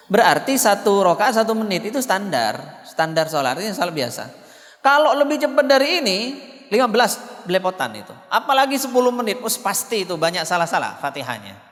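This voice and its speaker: High-voiced man preaching in a hall. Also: sing-song, fairly quick, a bit bright. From Indonesia. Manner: conversational, chants Quranic phrases in demonstration. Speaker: Islamic preacher. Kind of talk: mosque study lecture. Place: mosque hall. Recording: long hall reverb.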